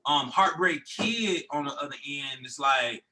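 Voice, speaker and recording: A man's voice: fairly high pitch, expressive, unhurried, noisy background. A man, a recording artist guest, talking casually in a podcast interview, loose and rambling with many fillers and restarts.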